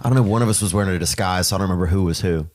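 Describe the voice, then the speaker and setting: Deep-voiced deadpan man, talking fast. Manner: deadpan, understated. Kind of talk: casual anecdotal chat. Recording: clearly noisy background, clicks.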